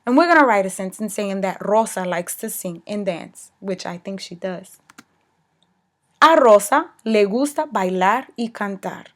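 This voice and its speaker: A young woman teacher giving a recorded lesson, explaining clearly and checking in with "okay" as she goes. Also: medium pitch, expressive, a little slow, a bit bright. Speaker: Spanish teacher.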